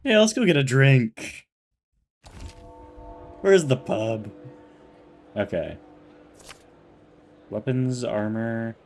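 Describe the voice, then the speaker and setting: A man's voice: medium pitch, expressive, very slow, pauses often, soft background music. A man giving casual, joking commentary while playing a game. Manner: joking, self-mocking asides. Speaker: gameplay streamer.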